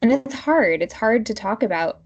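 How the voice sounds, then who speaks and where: A woman podcast co-host chatting casually and informally in a halting, filler-heavy way. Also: on the high side, animated, breathy edge, muffled recording.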